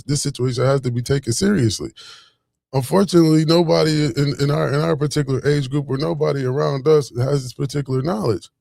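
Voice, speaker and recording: A man's voice: mid-range voice, creaky, darkish tone, dry recording. A man in his forties telling a story in a casual, rambling monologue full of fillers and restarts. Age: 40s.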